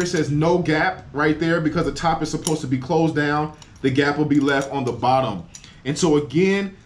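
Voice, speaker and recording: A man in his forties films himself close to the camera outdoors beside a building wall. He talks casually in a slightly high voice and gets excited over every part he shows. A faint hum of outdoor ambience sits behind him. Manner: enthusiastic, exclaims over each part. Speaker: cycling vlogger. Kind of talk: casual unboxing vlog.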